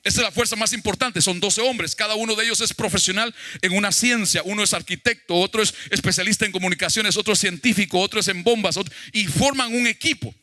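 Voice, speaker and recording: Male pastor, sermon, fairly high voice, emphatic and questioning, dry close sound. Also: fast talker, pushed and bright, no room sound. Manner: emphatic preaching with questions to the congregation.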